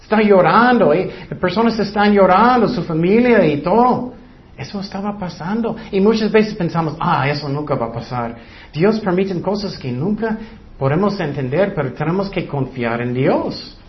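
High-voiced man preaching a sermon. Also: normal speed, lo-fi sound. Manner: plain, repetitive preaching with acted-out quotes.

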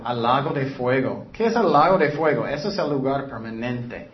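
A man's voice: medium pitch, animated, moderate pace. A man preaching a sermon in an earnest way, often putting rhetorical questions to the listeners. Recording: dull lo-fi recording.

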